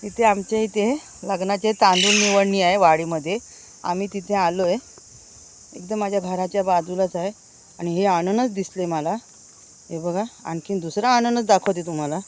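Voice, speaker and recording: A married adult woman films a casual walking-tour vlog on her phone among village gardens, chatting to viewers and constantly pointing things out. Her voice is medium-pitched and steady, at a normal speed.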